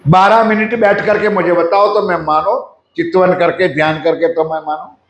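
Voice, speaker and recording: High-voiced preacher in an echoey hall. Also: male voice, steady tone, slight background noise. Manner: addresses the audience directly with questions; chants mantras slowly. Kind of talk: devotional sermon. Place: ashram hall.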